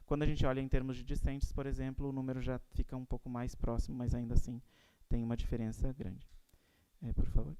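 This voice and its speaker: A man's voice: mid-range voice, flat delivery, fast, mellow, smooth. A middle-aged man with a Brazilian Portuguese accent presents to a university council as a graduate coordinator, hesitant and full of "é" fillers and restarts. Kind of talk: formal meeting presentation.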